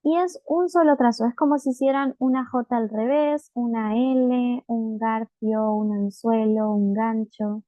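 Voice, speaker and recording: A woman's voice: a little high, fairly even intonation, a little slow, no room sound. A woman teaching a writing lesson, patient and explaining step by step, often checking in with her students. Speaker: Japanese teacher. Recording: dry, phone-like narrow sound.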